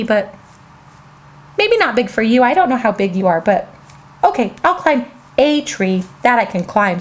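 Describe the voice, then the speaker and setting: Woman host of a kids' show, high and sweet, slow and unhurried; reads a picture book aloud with bubbly, gasping excitement. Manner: bubbly and childlike, with frequent excited gasps; chatty asides to young viewers.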